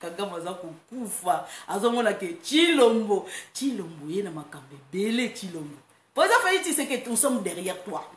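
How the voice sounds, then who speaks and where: A French online talk host, a woman with a mid-range voice and moderate pace, delivers a casual monologue that mixes Lingala and French. She's animated, laughing and launching into playful chants. The room is echoey, with faint background noise.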